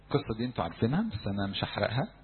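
A man with an Egyptian Arabic accent preaching a sermon to young people in a church, animated and acting out crowd voices. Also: lowish voice, very fast, phone-quality sound, a little hiss or hum. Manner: animated, acts out crowd voices, shouts for emphasis.

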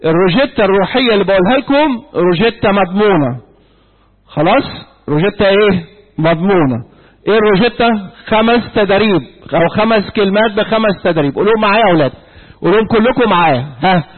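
High-voiced Egyptian man in his sixties. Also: expressive, quick pace. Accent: Egyptian Arabic. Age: 60s. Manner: quizzing, repeats key points, prompts the audience to answer. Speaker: church youth speaker. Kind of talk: church lecture to young people. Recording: tinny phone-like audio in a reverberant hall.

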